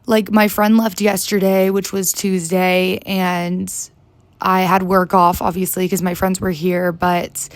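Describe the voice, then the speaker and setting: A young woman hosting her podcast with a hoarse, gravelly rasp to her voice. She rambles in a chatty, casual way, dropping "like" constantly. The sound is close and dry. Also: fairly low pitch, level tone, unhurried, no room sound. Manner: chatty, rambling, heavy use of "like". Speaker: podcast host. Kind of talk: casual solo chat.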